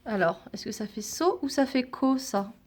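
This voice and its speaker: A woman teaching a phonics lesson to young children, speaking deliberately and repeating each sound and example word. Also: on the high side, lively intonation.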